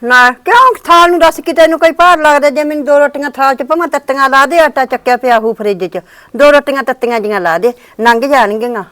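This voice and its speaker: A woman's voice: sits high, a little fast, fairly bright tone, dry recording. A woman playing a sick, aggrieved old mother-in-law who complains and calls on God. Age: older. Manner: lamenting, complaining, appeals to God. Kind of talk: village short-drama acting.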